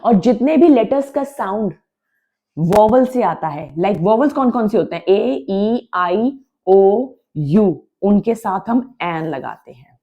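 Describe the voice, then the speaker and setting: A woman's voice: medium pitch, expressive, slow, mellow, muffled recording. A woman teaching English grammar in a lesson, mixing Hindi with English words. She repeats her points with emphasis and drills the letter sounds aloud. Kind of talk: classroom-style grammar lesson.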